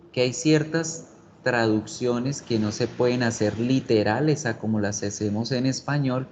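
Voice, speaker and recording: A man's voice: mid-range voice, darkish tone. A male English teacher giving an online class, explaining patiently and step by step. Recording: dull lo-fi sound, faint background noise.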